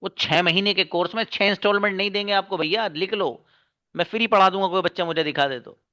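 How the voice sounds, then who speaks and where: A man's voice: sits high, quick pace, bright, forceful tone. Earnest male online English teacher. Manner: earnest, coaxing, addresses students as brother and daughter. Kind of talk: motivational talk to students. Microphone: online class mic.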